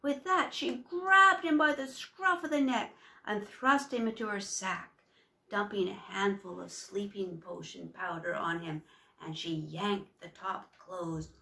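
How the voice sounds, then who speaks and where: A woman reading a children's book aloud to listeners, gentle and unhurried, recorded far from the mic in a roomy space. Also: medium pitch, fairly even intonation, gravelly. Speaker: storyteller.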